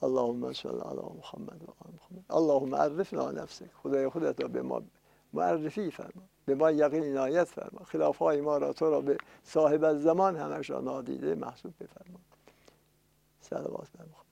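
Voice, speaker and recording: An older man, a cleric, preaching a religious sermon, reciting quoted passages slowly and explaining them with emphatic, rising lists. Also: fairly high pitch, steady tone, creaky, warm tone, no room sound. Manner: slow emphatic recitation of Arabic, then explaining in Persian. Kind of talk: religious sermon with Arabic quotations.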